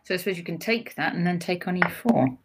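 Lower-voiced English woman co-commentating chess. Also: animated, fast talker, background noise. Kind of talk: live online chess commentary.

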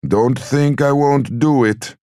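A man's voice: takes it slowly, mellow, dry recording, studio quality, lightly acted. A man doing a wailing, distraught mother. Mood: wailing despair. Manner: wailing, pleading, high and strained. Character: distraught middle-aged mother, weepy and melodramatic.

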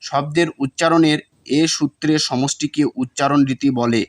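A man's voice: a little high, normal speed. A man teaching, reading out exam notes and repeating example words to show their pronunciation.

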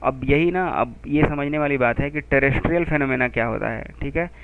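Gravelly male physics teacher, tinny audio. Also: medium pitch. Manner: explains in chatty Hindi, reading English textbook lines slowly; halting, many fillers and restarts while working sums aloud. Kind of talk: textbook explanation lesson. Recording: tinny phone-like lo-fi recording.

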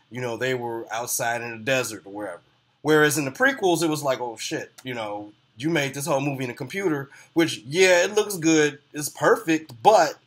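A man giving a casual, rambling spoken movie review, full of fillers, his voice often trailing off quietly at the ends of phrases. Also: medium pitch. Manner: rambling, loose and conversational, lots of fillers.

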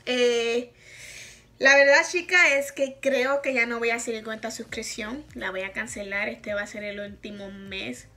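Unhurried and fairly even in intonation, her voice sits on the high side with a sharp tone. She's a woman in her thirties from Puerto Rico with a Puerto Rican Spanish accent, giving a frank, laugh-filled makeup product review from her small bedroom.

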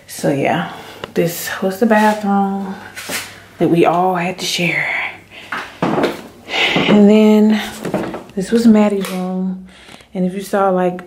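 A woman in her thirties, a vlogger, chats casually with viewers as she tours an empty house's rooms and basement on a handheld phone camera. Her medium-pitched voice stays steady and slow, with frequent pauses and background noise. She sounds relieved and calls her audience "guys" and "y'all."

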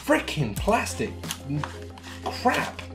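Reviewing novelty products from a small room at home, this man in his thirties talks casually to camera with jokey, rambling mock drama. He speaks in a very high voice with wildly swooping pitch and drawn-out words, over music.

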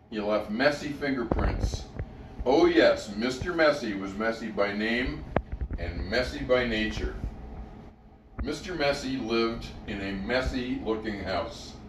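An older man with an unhurried, grandfatherly voice reading a children's storybook aloud, pausing between phrases. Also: mid-range voice. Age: 60s or older. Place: living room at home, indoors. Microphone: camera several feet away. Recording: roomy, distant camera mic, faint noise.

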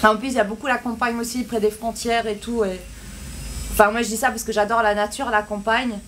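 Woman, 30s, casual live-stream host, slightly high voice, phone mic, light shop noise. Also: flat delivery, brisk, fairly bright tone. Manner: chatty, reads out viewer questions and answers them. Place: small shop with a big front window, indoors. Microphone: phone held at arm's length.

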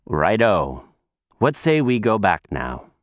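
A man voicing a calm, matter-of-fact old man who guides a lost boy, dry and gently amused. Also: lowish voice, takes it slowly, no room sound. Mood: brisk.

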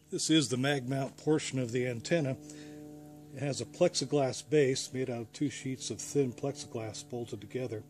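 With a mid-range, darkish voice, a radio hobbyist from the United States gives a casual step-by-step demonstration of an antenna he built himself. He speaks plainly with an American accent while standing outdoors beside a parked car, and outdoor ambience and background noise are clearly present.

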